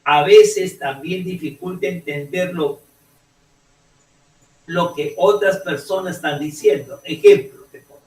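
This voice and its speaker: A male teacher lecturing a class, halting and restarting often and checking in with "ok?" as he goes. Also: a little high, a little mellow. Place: echoey classroom. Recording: roomy classroom audio, mic far off.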